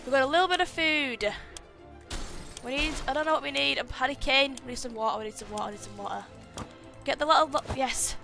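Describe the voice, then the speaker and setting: Brief: high-voiced woman narrating a let's play, excitable and flustered. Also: fast, creaky, music in the background. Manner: excitable, flustered, panicky exclamations. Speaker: gaming YouTuber.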